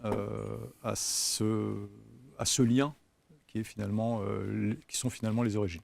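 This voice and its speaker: Gravelly low-voiced man, measured. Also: flat delivery, darkish tone, dry recording. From Yugoslavia, raised in France from age five. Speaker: company co-founder, guest. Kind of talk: casual interview talk.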